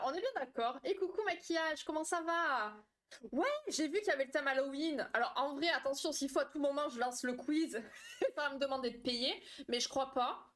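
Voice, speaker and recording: A woman's voice: a little high, a bit bright. A young woman chatting casually with viewers on a live stream, laughing often and answering their comments. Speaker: live stream host, therapist.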